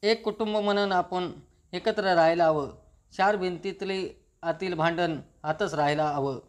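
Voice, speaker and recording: A woman's voice: lowish voice, steady tone, measured pace, close to an everyday voice. A man reading as an earnest young woman. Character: young woman, earnest and reasoning daughter-in-law.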